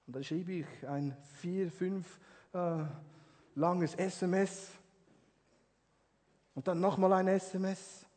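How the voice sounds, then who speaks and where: Impassioned high-voiced male preacher. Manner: swings from hushed to loud, impassioned preaching. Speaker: pastor. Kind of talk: sermon. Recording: hall reverb.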